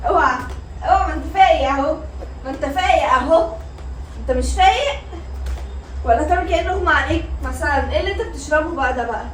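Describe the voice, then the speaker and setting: A woman's voice: sits high, fast talker, pauses often. A young woman with an Egyptian accent, scolding and teasing in casual couple banter. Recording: very roomy, slightly noisy, distant microphone.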